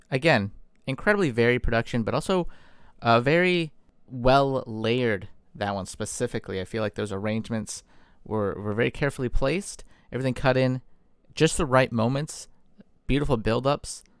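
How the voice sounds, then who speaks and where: A man's voice: medium pitch, smooth, dry recording, clean studio sound. A man hosting an album reaction, reacting enthusiastically and thinking aloud with fillers while the record plays. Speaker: music reaction host. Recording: music playing loudly underneath. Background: album music playing.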